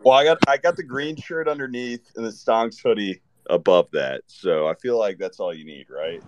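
A man hosting a casual live audio chat from a festival, relaxed and rambling. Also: lowish voice, moderate pace. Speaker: host. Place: festival event in Austin.

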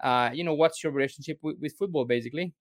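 A man's voice: fairly high pitch, dry recording, clean studio sound. A man from France hosting a football podcast, talking casually with frequent restarts and fillers. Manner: halting, many restarts and fillers. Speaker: podcast host.

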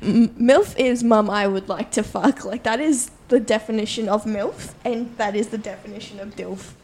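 A woman's voice: mid-range voice, moderate pace, darkish tone, a little hiss or hum. A woman, joking and self-mocking in a casual podcast chat. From Australia. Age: 20s. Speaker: podcast co-host.

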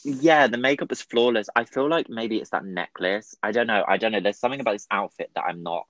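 A man's voice: on the low side, quick pace, fairly bright tone, dry recording, rough recording. A man hosting a casual chat, laughing often and poking fun at himself. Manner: chatty, laughing, self-deprecating. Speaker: podcast host.

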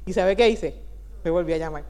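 A woman preaching a sermon, fervent in prayer and lively when telling stories. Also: on the low side, brisk. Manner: fervent, rising into prayer, then humorous storytelling. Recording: long hall reverb.

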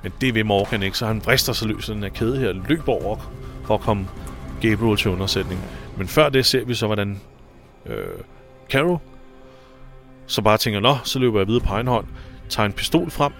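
A man's voice: fairly low pitch, pauses often, faint music behind. Chatty man retelling a TV episode. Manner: animated retelling with frequent restarts and filler words. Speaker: podcast host recapping a TV episode. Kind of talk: casual chat.

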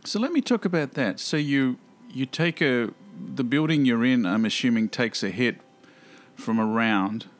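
A man's voice: medium pitch, animated, moderate pace. A man hosting an interview, affirming and admiring toward his guest. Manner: warm, admiring, affirming listener. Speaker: podcast host, interviewer. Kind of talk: interview conversation.

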